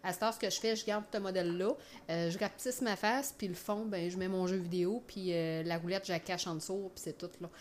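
A woman's voice: fairly low pitch, fairly even intonation, quick pace, few pauses, slight background noise. A woman from Quebec with a Beauce Quebec French accent, co-hosting a podcast in a chatty way over a remote mic, laughing often and using rural expressions. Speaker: podcast co-host. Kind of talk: casual chat.

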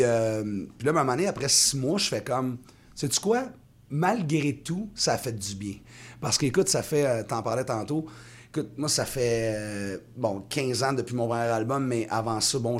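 A man's voice: mid-range voice, normal speed. Casting note: Québécois man, late thirties, touring singer, loose rambling interview talk full of fillers and laughter. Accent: Québécois French. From Quebec. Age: 30s. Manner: rambling, many restarts and fillers, laughs easily. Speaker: touring singer-songwriter guest. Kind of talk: casual radio interview.

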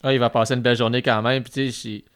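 Quebec host, smooth clear voice, relaxed slangy talk. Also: male voice, medium pitch, fast. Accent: Quebec French. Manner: easygoing, colloquial. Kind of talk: casual podcast chat.

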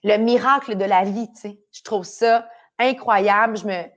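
A woman's voice: medium pitch, normal speed. A woman with a Québécois French accent, pregnant and speaking candidly in a casual podcast chat. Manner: candid, animated storytelling. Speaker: radio host.

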